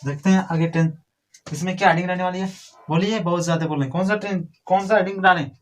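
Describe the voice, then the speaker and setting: A man's voice: sits high, steady tone, quick pace. Scolding man teaching a class. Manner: scolding, repetitive drilling, addresses pupils directly. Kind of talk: classroom grammar lesson.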